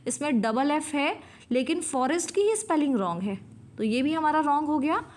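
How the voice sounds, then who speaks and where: A woman's voice: high voice, expressive, normal speed. A woman teacher giving a spelling lesson, spelling words out letter by letter and repeating them. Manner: repeats key words and checks understanding. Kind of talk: spelling lesson, mixing English terms into Hindi.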